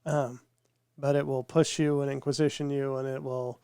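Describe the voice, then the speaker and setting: A podcast co-host rambles casually, repeating words as he thinks, his voice nasal from a cold. It's mid-range, flat, moderately paced, and mellow, clear, and resonant with vocal fry, recorded clean in a studio on a podcast microphone with headphones and no room sound.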